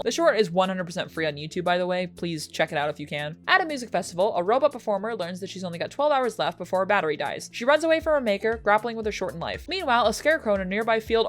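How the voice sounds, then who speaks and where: A young woman reviewing films in casual chat, sarcastic and swearing freely, with sudden jumps up in pitch for jokes. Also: fairly bright tone. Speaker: film reviewer.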